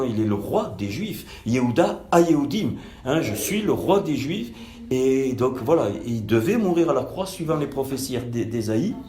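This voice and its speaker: A man's voice: medium pitch, dark tone. A man giving an informal Bible teaching over an online call, full of fillers and restarts, growing emphatic when he reads scripture. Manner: hesitant, many fillers and restarts. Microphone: online call audio. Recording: echoey call recording.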